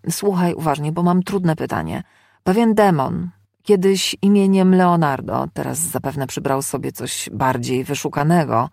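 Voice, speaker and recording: A woman's voice: deep voice, creaky, darkish tone, no echo, exaggerated voice. A woman voicing a wry, tough young demon hunter who talks with dry sarcasm. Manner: dry, sardonic.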